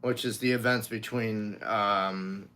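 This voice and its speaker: A man's voice: on the low side, steady tone, slow pace, heavy background noise. A man in his fifties live-streaming as a musician, chatting casually with viewers, greeting them by name and swearing freely. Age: 50s.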